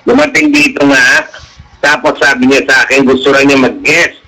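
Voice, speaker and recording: A man's voice: mid-range voice, normal speed, crowd noise, poor audio. A middle-aged man, a guest on a radio show, chatting casually and acting out the dialogue in his anecdotes. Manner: animated storyteller, acts out quoted dialogue. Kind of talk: casual radio interview chat.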